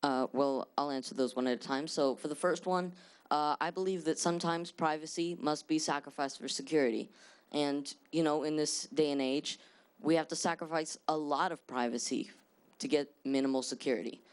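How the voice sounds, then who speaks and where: This man speaks at a moderate pace in a fairly high, clean voice with fairly even intonation. He is presenting at a mock school board meeting, answering questions confidently despite frequent hesitant "uh"s.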